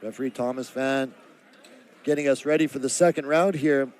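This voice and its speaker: A man giving live MMA play-by-play commentary in a measured, descriptive announcer style. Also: medium pitch, steady tone, a little mellow. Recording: crowd noise and music behind. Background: arena crowd and music.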